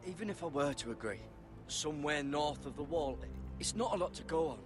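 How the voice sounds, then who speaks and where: A man's voice: on the high side, animated, brisk, over music, lightly acted. An actor playing an earnest young man sworn to a frontier guard in a video game, wry and wondering. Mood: troubled.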